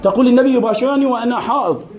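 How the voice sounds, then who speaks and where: Brief: young man, high-voiced, rapid-fire, pushy and loud, with a crowd behind him. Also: muffled recording. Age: young adult. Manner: insistent, repeats himself, raises his voice. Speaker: visitor confronting worshippers. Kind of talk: heated argument. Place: inside a mosque. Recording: noisy crowd in a mosque.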